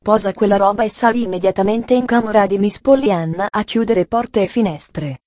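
A woman's voice: medium pitch, normal speed, a little mellow, no room sound, close to an everyday voice. A woman reading aloud and voicing a stern, strict middle-aged aunt with a stiff, reproachful manner.

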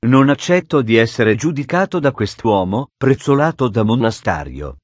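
A man's voice: mid-range voice, expressive, normal speed, no room sound, close to an everyday voice. A man voicing a defiant older nobleman, speaking with vehemence in a dry recording.

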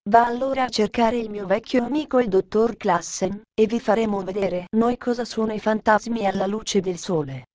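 A woman voicing a firm, commanding wealthy gentleman in a storybook reading. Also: medium pitch, normal speed, hardly any pauses, close to an everyday voice.

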